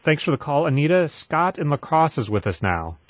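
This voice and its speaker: A man hosting a call-in radio show, moderating calls with a smooth, polished broadcast delivery. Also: fairly high pitch, big pitch swings, fairly quick, no room sound.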